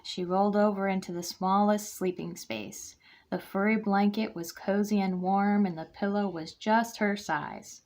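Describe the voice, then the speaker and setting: A woman with a medium-pitched voice reads a picture book aloud to a kindergarten class at a measured pace. She is a guest reader, and she performs expressively, acting out the characters' lines.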